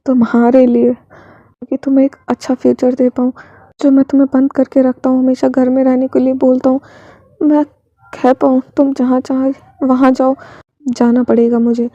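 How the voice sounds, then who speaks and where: A woman voicing a protective older brother who talks softly and haltingly while hiding his grief. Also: high voice, flat delivery, no room sound, dull audio. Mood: anguished. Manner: soft, halting, choked.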